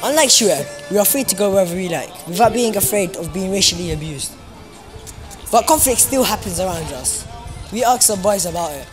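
Brief: female doc narrator, earnest and measured, hip hop beat under her. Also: mid-range voice, animated. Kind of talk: documentary voice-over narration. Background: hip hop music.

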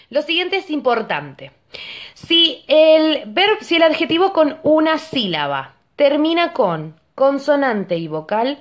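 A woman's voice: medium pitch, muffled recording. Patient bilingual woman teaching grammar. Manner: patient, explains slowly, often checks with "ok?". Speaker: English teacher.

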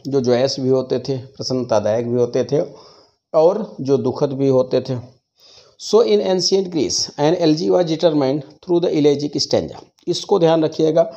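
A man's voice: on the high side, mellow. A man teaching English literature in a classroom lecture, mixing Hindi and English and answering his own questions. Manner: dictates slowly, repeating key phrases. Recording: dull lo-fi classroom recording.

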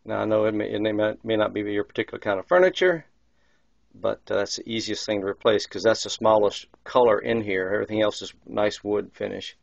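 A man's voice: lowish voice, fairly quick, gravelly, dry recording. A man casually narrating a walk-through of a yacht's cabins as he films, rambling with fillers and restarts. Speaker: walk-through guide filming a boat tour. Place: indoors aboard a yacht, small wood-paneled cabins. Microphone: handheld camera microphone. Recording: dull lo-fi camcorder audio.

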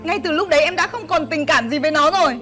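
A high-pitched, arrogant young wife, played by a woman, in a web skit drama. She talks down at people with open contempt, quick and cutting. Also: pushed and bright. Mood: scornful. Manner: sneering, arrogant. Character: scornful unfaithful young wife. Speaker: actor. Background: background music.

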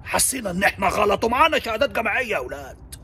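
A man with an Egyptian accent teaching English in a theatrical lesson, swinging between shouting and whispers. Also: high-pitched, sing-song, racing. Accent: Egyptian Arabic. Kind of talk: animated language lesson.

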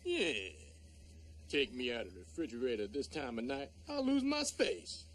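A man's voice: medium pitch, huge pitch swings, moderate pace, slight background noise. A man voicing a streetwise, cocky talking food item in a fridge, in a TV sitcom.

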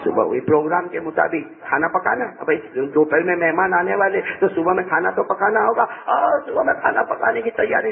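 A man preaching an emotional sermon who tells a story, repeats his phrases and calls on the audience to answer, swinging between hushed low passages and raised pleading ones. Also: vocal fry. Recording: tinny lo-fi sound.

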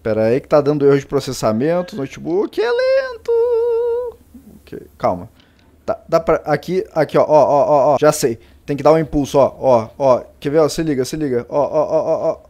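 A young man with a Brazilian Portuguese accent giving let's-play commentary, raging and frustrated, swinging between muttering and shouting. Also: fairly high pitch, huge pitch swings, normal speed. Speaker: gaming youtuber.

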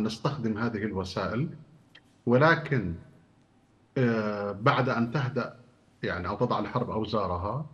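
A man, a human rights adviser guest on a news panel, explaining his points in a measured, steady way. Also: medium pitch, muffled recording. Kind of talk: analytical commentary.

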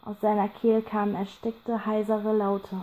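A woman narrating a horror audiobook in a calm, measured storytelling voice. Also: mid-range voice, poor audio.

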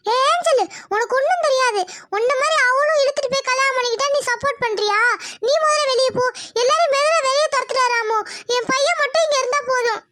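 A performer voicing a proud, sick elderly mother in a cartoon who scolds and shouts from a hospital bed, recorded dry and close. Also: very high voice, fairly even intonation, fairly quick. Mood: furious. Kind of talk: Tamil cartoon voice acting.

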